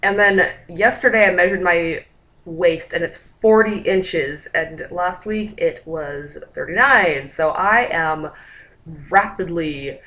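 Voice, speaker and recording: A woman's voice: lowish voice, slow, fairly bright tone, rough recording. A young woman giving a casual pregnancy update to her camera, chatty and full of "like" fillers. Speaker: pregnancy vlogger.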